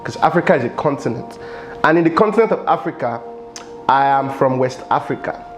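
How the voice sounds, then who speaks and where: A young Nigerian man with a Nigerian accent, hosting a casual talking-head vlog. He talks in an animated, chatty way with lots of fillers, recorded on a lapel mic in a home studio room. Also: mid-range voice, brisk, soft background music. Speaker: vlogger host.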